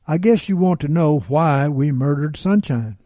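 A man reading aloud the lines of a scornful, arrogant woman who calls herself a witch, in a slow, husky voice with a dark tone. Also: on the high side, animated, no echo. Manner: contemptuous, arrogant. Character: scornful bitter woman, a self-declared witch. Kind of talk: read-aloud testimony.

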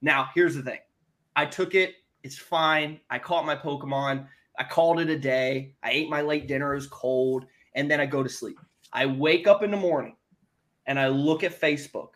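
A man telling a funny story as a podcast guest, animated and self-mocking, swinging between hushed and loud. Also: on the high side, normal speed. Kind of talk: comic storytelling.

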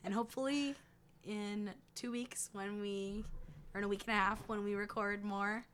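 A hoarse woman with vocal fry, co-hosting a podcast in rambling, filler-heavy casual chat. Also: mid-range voice, fairly even intonation, normal speed, fairly bright tone, slight background noise. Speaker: podcast co-host.

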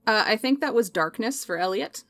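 A woman's voice: a little high, lively intonation, fairly quick, fairly bright tone, no room sound, studio quality. A woman player in a tabletop role-playing game, chatting casually and using easy fillers. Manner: easygoing, uses fillers.

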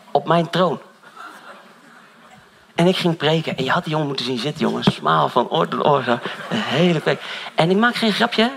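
A man preaching a sermon in a church, telling a story in an animated, conversational way and swinging between loud and hushed. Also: fairly high pitch, gravelly. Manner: conversational, keeps saying "you know". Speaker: pastor.

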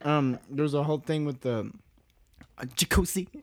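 A man's voice: a little high, moderate pace, no room sound, clean studio sound. A man co-hosting a podcast, chatting loosely with swearing and joking asides. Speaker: podcast co-host. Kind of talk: casual chat.

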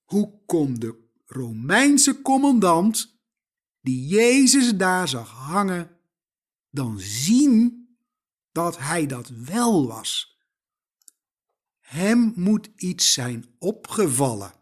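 A man preaching a sermon, slow and emphatic, putting rhetorical questions straight to the listener. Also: high-pitched, big pitch swings.

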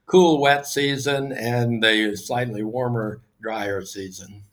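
An older American man from Oklahoma, over sixty, answering interview questions in a measured, halting way with frequent pauses. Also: mid-range voice, a bit bright. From Oklahoma, United States. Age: 60s or older. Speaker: podcast guest, business executive. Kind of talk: casual interview talk.

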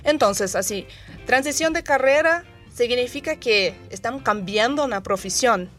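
A woman's voice: fairly high pitch, expressive, a little slow, a bit bright. A Brazilian woman, a native Portuguese speaker, talking as a guest coach in a conversational interview in hesitant, accented Spanish. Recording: music playing behind. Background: background music.

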